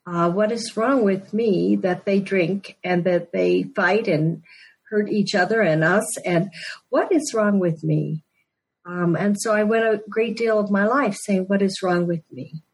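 Speaking in a mid-range voice with a breathy edge, a sixties-aged woman from Denver, Colorado earnestly tells her story, punctuated by quick laughs. She is an author and Christmas elf featured as a guest on a conversational podcast, heard through a low-quality recording.

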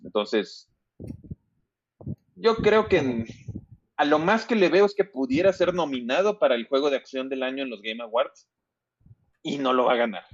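A man's voice: mid-range voice, lo-fi sound. A man with a Mexican accent, rambling and swearing freely as he chats casually about video games. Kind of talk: casual chat.

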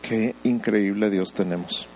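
A man's voice: fairly low pitch, steady tone, a little slow, a little mellow, a little hiss or hum, rough recording. A man, preaching a sermon as pastor, firing rhetorical questions at the congregation and breaking off into humorous asides. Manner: acts out voices of doubters in quoted asides.

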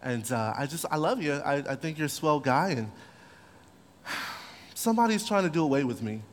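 A man voicing a young queen who speaks in a hesitant, halting way. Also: fairly high pitch, animated, pitched below the performer's own voice, lightly acted. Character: young queen, gentle and tactful, then bold. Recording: long hall reverb.

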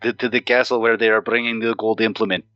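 A man voicing a blunt shapeshifter adventurer who speaks in clipped, broken English and makes deadpan jokes, in a tabletop game podcast. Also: fairly low pitch, fast talker, no room sound, highs cut off, faint music behind, natural voice.

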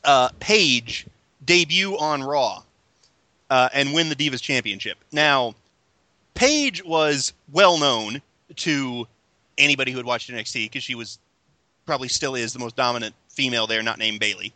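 A man's voice: medium pitch, animated, moderate pace, pushed and bright, no echo. A man hosting a casual podcast chat, talking with lots of fillers and restarts. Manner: chatty, hesitant, many fillers and restarts. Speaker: podcast host.

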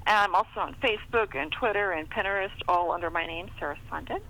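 She's a middle-aged American author guest in a casual interview, talkative and self-deprecating, with little laughs throughout. Quick and expressive, her mid-range voice is gravelly and a bit bright; the audio is poor.

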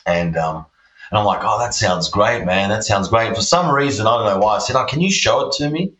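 A deep, low-voiced Australian man chats in a loose, rambling way, full of ums and you-knows. His voice sits back from the mic in a roomy space. The audio is dull and muffled. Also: fairly quick, a bit bright, distant mic. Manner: rambling, laid-back, many fillers. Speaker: guest guitarist. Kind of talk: casual storytelling interview.

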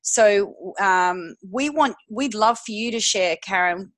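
Relaxed woman co-host. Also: medium pitch, takes it slowly. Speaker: podcast co-host. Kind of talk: casual podcast chat.

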